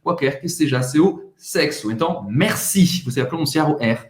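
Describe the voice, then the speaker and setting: A man teaching phrases, saying each one slowly and clearly for learners. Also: on the high side, animated, reverberant. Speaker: French teacher. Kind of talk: casual bilingual language lesson.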